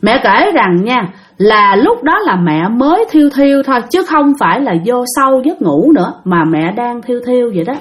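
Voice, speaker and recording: A young woman narrates a ghost story in a chatty, familiar way. She addresses her listeners directly as she goes. Her slightly high voice rises and falls in a lively way. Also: normal speed.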